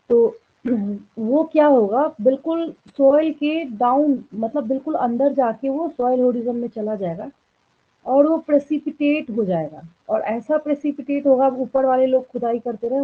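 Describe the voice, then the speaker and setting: A woman biology teacher giving a classroom lecture, dictating notes slowly word by word and often checking that students follow. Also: sits high. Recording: tinny phone-like sound.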